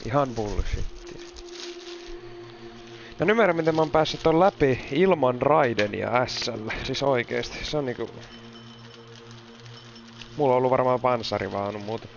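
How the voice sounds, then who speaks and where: A man's voice: medium pitch, creaky. A man commenting on his gameplay, frustrated and swearing constantly, mixing in English words. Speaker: gamer.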